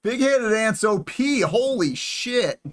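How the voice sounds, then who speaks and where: A young man giving casual, excitable commentary over a strategy game, swearing and chatting with viewers. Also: sits high, takes it slowly. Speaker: gaming YouTuber.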